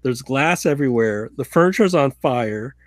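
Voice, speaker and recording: A man casually narrating a tabletop game as game master, in a halting, informal way. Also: medium pitch, expressive, dry recording, studio quality.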